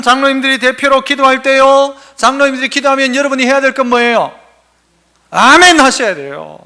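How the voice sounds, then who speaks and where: A man's voice: extremely high pitch, pushed and bright. A male pastor preaching a sermon, asking the congregation questions and answering them himself.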